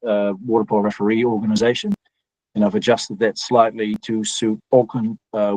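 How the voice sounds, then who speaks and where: A man's voice: fairly low pitch, warm tone, no echo. A man hosting a meeting over a video call, speaking hesitantly with many filler sounds. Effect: heard through a video call connection. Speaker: meeting host introducing a rules presenter. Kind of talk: opening remarks on a video call. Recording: dull, dry video call audio.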